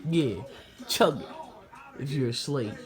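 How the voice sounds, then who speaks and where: A man's voice: medium pitch, slow. A man bantering casually, goading and teasing his friend from behind the camera. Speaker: friend filming and heckling.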